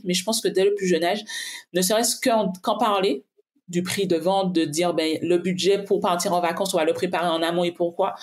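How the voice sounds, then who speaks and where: Her voice is lowish and darkish in tone. As a finance coach appearing as a guest in casual conversation, she comes across as reflective and pragmatic, filling her thinking-aloud with frequent restarts and fillers.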